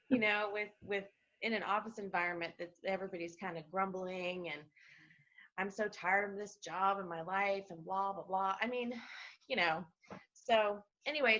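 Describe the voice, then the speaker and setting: A woman telling a story on a group call, chatty and animated, slipping into the voices of people she quotes. Her voice is bright, and the call audio sounds dull and lo-fi. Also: mid-range voice. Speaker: team member on a call.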